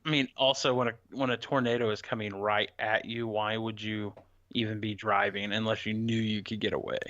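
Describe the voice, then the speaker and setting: Man, casual podcast co-host, lowish voice, dry dull lo-fi sound. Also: level tone, fairly quick, a bit bright, no room sound. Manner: rambling storyteller, many fillers. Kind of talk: casual chat.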